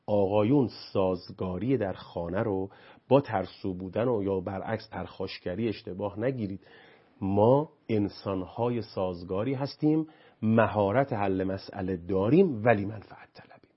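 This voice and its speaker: A man with a fairly low, slightly breathy voice, captured on dull audio, talks through his anger management ideas in a talk-show setting. He repeatedly answers his own rhetorical questions and gets emphatic while listing examples.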